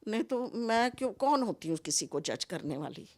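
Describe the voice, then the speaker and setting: A woman's voice: a little high, moderate pace. An older woman, mother of a contestant, chatting in an interview and acting out the dialogue of her stories. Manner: chatty, expressive storyteller who acts out quoted dialogue. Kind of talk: casual interview chat mixing Hindi and English.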